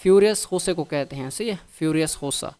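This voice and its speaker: Smooth-voiced Pakistani male English teacher. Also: on the high side, darkish tone. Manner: patient, repeats each word with its meaning. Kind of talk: vocabulary lesson.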